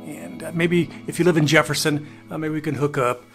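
An older Texan man who vlogs about RV travel gives a casual talking-head update from a plain indoor room with a grey wall, with music playing behind him. His voice is a little high, brisk and gravelly, with fairly even intonation. He rambles, dropping plenty of "uh" fillers and folksy asides.

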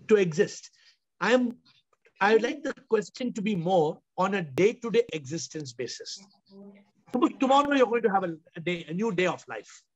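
High-voiced Indian-accented male spiritual teacher. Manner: emphatic, repetitive, rhetorical questioning. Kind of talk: question-and-answer spiritual discourse. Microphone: video call. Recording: dull compressed video call audio.

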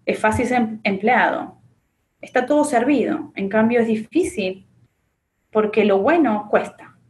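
An Argentine woman in her forties speaks earnestly and with self-assurance in an interview. Her Argentine Spanish accent is clear, and her answers are full of fillers and restarts. She is recorded on a webcam in a small office. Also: fairly high pitch, lively intonation, a little slow, a little mellow. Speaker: interview guest, accountant and business owner. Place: small indoor office with a framed picture.

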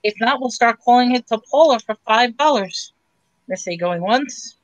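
A woman's voice: fairly high pitch, expressive, normal speed, dry recording, poor audio. A woman running a casual live-stream auction, describing items in a chatty, loose way full of fillers. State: throat tickling, coughing.

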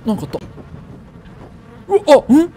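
A gamer with a Kansai Japanese accent comments on a horror game as he plays, yelping when startled and cursing jokingly. His voice is mellow and moderately paced, with soft music in the background.

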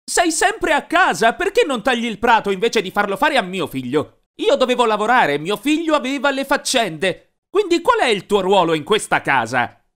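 A man voicing an angry middle-aged mother who yells and scolds in an animated story. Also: extremely high pitch, moderate pace, pitched above the performer's own voice, heavily acted. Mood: furious. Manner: yelling, scolding.

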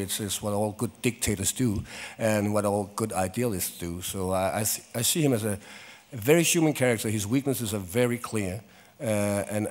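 Sex: man. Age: middle-aged. Pitch: low. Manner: thoughtful, halting. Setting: press conference room, table microphone. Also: a little mellow. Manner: thoughtful, with many fillers and restarts. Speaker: actor on a press panel.

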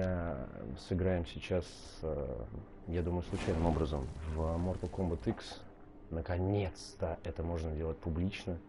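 A man chatting casually and haltingly as he streams a game live. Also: low-pitched, background noise. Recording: voice under loud game music. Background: loud fighting game sound.

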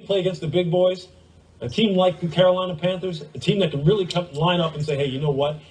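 A man's voice: high-pitched, fairly even intonation, fast, a little mellow. A man giving emphatic sports commentary as a football analyst. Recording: echoey, distant, faint noise.

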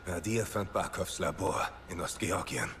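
An actor in a German video game dub playing a gruff, wry middle-aged special forces captain who talks tersely and with command. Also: male voice, low-pitched, animated, moderate pace, slight background noise. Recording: loud music behind.

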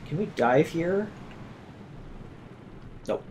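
A man's voice: on the high side, expressive, extremely slow, a little mellow, slight background noise. A man chatting casually while playing a video game, with playful exclamations. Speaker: let's play gamer. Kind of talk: casual gameplay commentary.

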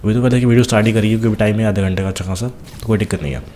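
Young man, game commentator, lowish voice, fast teasing chatter, faint background hiss. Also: steady tone, mellow. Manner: chatty, teasing enemies, talks fast while playing. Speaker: gameplay commentator.

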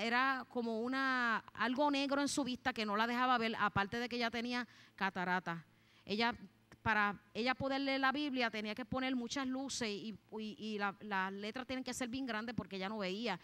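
A woman with a Puerto Rican accent delivers a church testimony in a high, bright voice. Her speech is fervent and preacherly, slowing to linger on key words and then rushing ahead. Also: clear, resonant tone. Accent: Puerto Rican Spanish. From Puerto Rico. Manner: fervent, preacherly, speeds up and slows down for emphasis. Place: church sanctuary.

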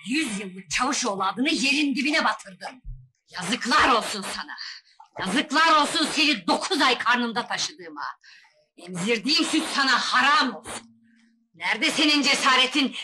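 Fierce, high-voiced scolding mother. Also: expressive, normal speed. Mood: scornful, cursing. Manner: scolding, declamatory. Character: bitter village mother shaming her son, scornful and fierce. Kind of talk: melodramatic film acting. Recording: very noisy old film soundtrack.

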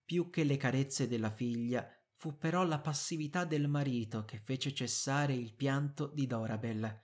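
A male narrator reading a novel aloud at a measured pace. His delivery is clear and even, made for learners. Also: mid-range voice. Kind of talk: scripted audiobook narration.

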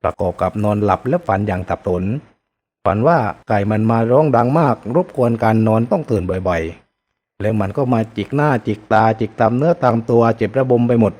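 A man narrating a moral life story in a calm, measured storytelling manner. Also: lowish voice.

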